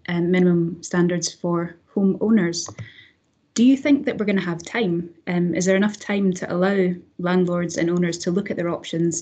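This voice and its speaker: Lady chairing an online event, husky lowish voice, lots of ums. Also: mellow. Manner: measured, with frequent ums. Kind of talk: moderating a panel.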